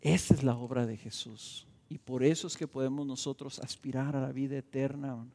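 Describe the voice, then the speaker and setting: A man's voice: medium pitch, flat delivery, normal speed, warm tone. A man preaching a sermon as a pastor, driving his points home with emphatic bursts and rhetorical questions. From Mexico. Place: church sanctuary. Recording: reverberant church hall.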